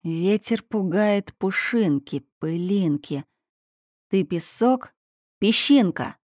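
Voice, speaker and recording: A woman's voice: mid-range voice, slow, darkish tone, no echo, clean studio sound. A woman voicing a young prince who sounds anxious, urgent and pleading.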